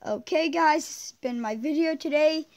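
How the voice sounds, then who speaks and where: A woman's voice: high voice, moderate pace. A woman giving casual gameplay commentary, chatty and profane, often restarting her sentences. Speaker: game commentator.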